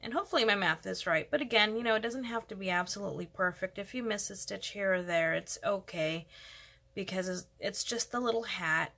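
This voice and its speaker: A woman hosts a homey crochet tutorial in a casual, chatty way, thinking aloud and filling gaps with little ums. Her voice is bright and carries some vocal fry. She talks close to the mic while her hands are busy. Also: mid-range voice, brisk. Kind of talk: casual step-by-step craft tutorial.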